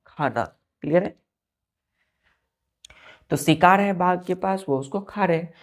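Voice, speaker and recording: A woman's voice: fairly low pitch, unhurried. A woman teaching a vocabulary lesson. She spells words out letter by letter and keeps checking that her students are following. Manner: spells words letter by letter, asks "clear?" often.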